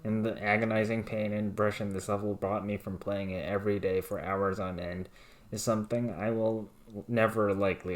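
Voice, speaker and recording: A man reads a long text aloud in a deep, low voice. His delivery is flat and emotionless, a steady monotone. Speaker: reader of viewer rants.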